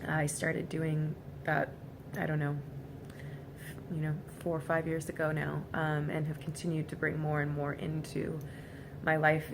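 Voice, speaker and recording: A woman gives a reflective personal vlog monologue, speaking casually and haltingly in an earnest, emotionally vulnerable way. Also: sits low. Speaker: vlogger. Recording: clearly noisy amateur recording.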